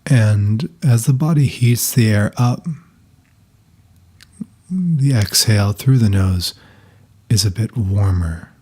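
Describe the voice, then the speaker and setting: A man with a lowish voice leads a guided meditation, speaking softly, calmly and breathily. He offers gentle instructions separated by long pauses.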